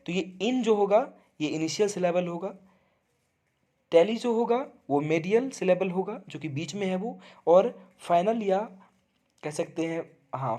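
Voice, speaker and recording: Slow-reading male lecturer, fairly high voice. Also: dark tone. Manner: reads English lines slowly, then explains them in Hindi; asks and answers his own questions. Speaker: teacher. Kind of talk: bilingual lecture explaining a text.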